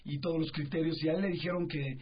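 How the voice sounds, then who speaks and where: A man's voice: on the high side, fairly even intonation, fast talker, slight background noise. A man with a Mexican accent, an author guest on a radio talk show, explaining animatedly with rhetorical questions and acted-out quotes. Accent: Mexican Spanish. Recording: dull radio broadcast sound.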